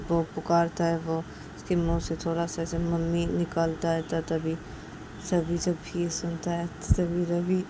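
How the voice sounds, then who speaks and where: A woman's voice: lowish voice, noisy background. A woman telling a story casually, chaining events with repeated linking words. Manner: repetitive, chains events with filler links.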